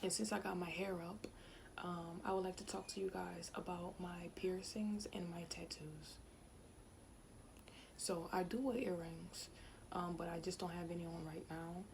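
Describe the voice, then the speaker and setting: A woman's voice: fairly low pitch, steady tone, unhurried, gravelly, darkish tone, a little hiss or hum, poor audio. A woman, chatting casually and rambling to camera in a home vlog. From Louisiana, USA. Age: 20s. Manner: rambling, chatty, self-focused asides. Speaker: vlogger. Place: home, indoors.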